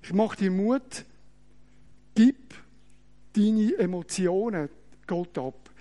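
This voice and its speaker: A middle-aged man with a Swiss German accent preaching an animated, joking sermon that pulls the audience in, often tagging his sentences with "oder?". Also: high-pitched. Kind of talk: lively sermon with audience demonstration.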